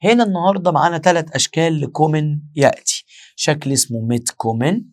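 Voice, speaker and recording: A man with an Egyptian Arabic accent teaching German for exams. He explains step by step, repeats words slowly and quizzes his students. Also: on the high side. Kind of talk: exam-prep lesson.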